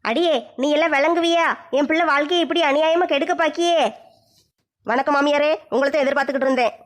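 A woman's voice: high-pitched, steady tone, quick pace. A woman acting a village comedy sketch in a brash, mocking way. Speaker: comic sketch performer.

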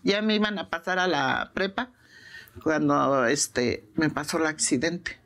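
A woman's voice: low-pitched, a little slow, fairly bright tone. An older woman with a Mexican accent, speaking plainly and insistently in an emotional interview, repeating herself for emphasis. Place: prison.

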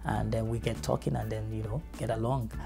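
A middle-aged man from Nigeria with a Nigerian accent, answering interview questions in a measured, earnest way with frequent fillers. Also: fairly low pitch, steady tone, gravelly, music in the background. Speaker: family educator. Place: studio with dark backdrop.

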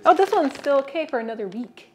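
A young woman with a Minnesota accent, chatting casually in a vlog, wry and quick to laugh. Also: sits high, expressive, a little mellow, slight background noise. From Minnesota, USA. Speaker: vlogger.

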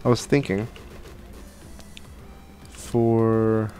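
Extremely slow and flat, this young man's fairly low, warm voice rambles through casual Minecraft let's play commentary over soft background music. He's a gaming channel host catching a cold, talking from his home gaming room with fillers and restarts throughout. A headset and studio mic at his desk record him.

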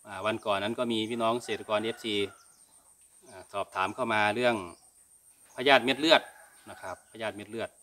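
This middle-aged Thai man, host of a cattle farming channel, answers viewer questions casually from an open-sided cattle barn with many polite particles. His lowish voice is pushed and bright, steady in tone and a little fast but broken by long pauses, with a slight hiss or hum.

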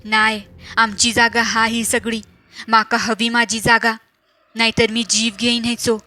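A woman voicing a greedy, menacing spirit that has possessed a young wife, speaking slowly with a Malvani accent. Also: on the high side, flat delivery, bright, forceful tone.

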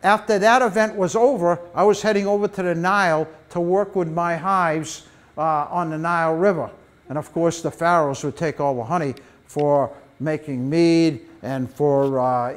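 Animated older man telling bee stories. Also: fairly high pitch. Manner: animated storyteller, wide gestures, folksy asides. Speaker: beekeeping presenter. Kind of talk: public talk with slides. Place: library meeting room.

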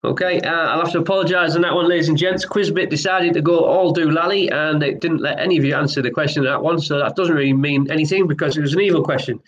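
A man hosting an online pub quiz, reading each question twice and chatting between rounds in a relaxed, apologetic way. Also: a little high, quick pace, few pauses, muffled recording. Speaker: quiz host.

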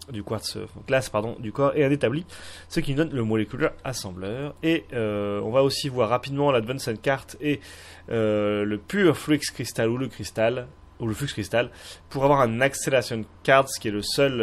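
A French-accented man hosts a casual screen-recorded Minecraft mod tutorial, speaking hesitantly with plenty of fillers and restarts. His voice is medium-pitched and fairly bright.

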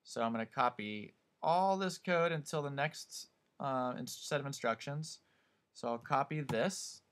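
A man teaching a class, talking through a screen-recorded software tutorial in a calm, step-by-step way. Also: medium pitch. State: hiccups.

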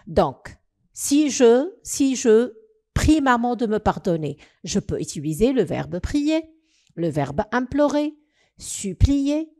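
A woman with a Tunisian accent teaches French grammar in a recorded lesson. She speaks slowly, listing words one after another. Her pitch moves widely up and down as she goes. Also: a little mellow.

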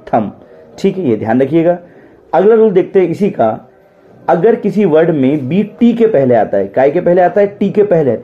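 A man's voice: a little high, narrow, tinny audio. A man with an Indian accent teaching an English pronunciation lesson, spelling out words and asking questions that he answers himself. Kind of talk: classroom-style lesson on pronunciation.

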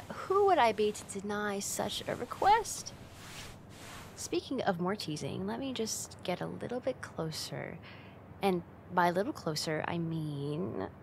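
An actress plays a teasing young female roommate in an ASMR roleplay, speaking at a mid pitch and an unhurried pace. She sounds playful, affectionate, intimate and giggly, slow and coaxing, close-miked with some background noise.

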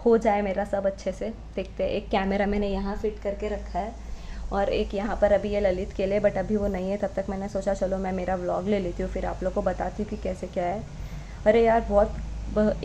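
A woman's voice: medium pitch, dark tone, slight background noise. A young woman chatting casually to camera at home as a vlogger, setting up her gear as she talks. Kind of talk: casual vlog chat. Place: at home indoors.

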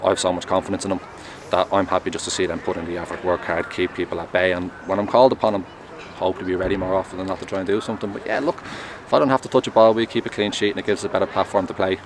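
A young man, a goalkeeper, answering post-match questions in a measured, earnest way, outdoors at a stadium at night on a close mic. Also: deep voice, steady tone. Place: outdoors at a stadium, in front of a sponsor board at night. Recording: outdoor traffic noise.

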